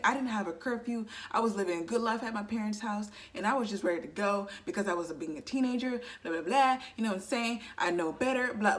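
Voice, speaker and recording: Earnest, chatty young woman vlogger. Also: mid-range voice. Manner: earnest, chatty, full of "you know" asides. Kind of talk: casual advice talk to camera.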